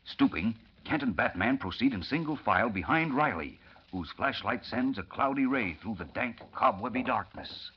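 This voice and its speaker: A man's voice: medium pitch, expressive, normal speed, husky. A man performing as an old radio announcer, narrating an adventure serial in a theatrical, dramatic style. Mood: suspenseful. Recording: dull vintage radio recording, faint noise.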